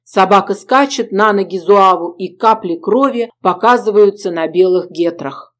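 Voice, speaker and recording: Woman, audiobook narrator, adventure novel, measured, expressive, mid pitch.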